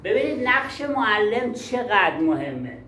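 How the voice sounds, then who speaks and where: A man's voice: high voice, very animated, pushed and bright, a little hiss or hum. Emphatic male teacher trainer in echoey room. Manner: emphatic, repeats key words. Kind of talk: workshop lecture to teachers. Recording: echoey room, far from mic.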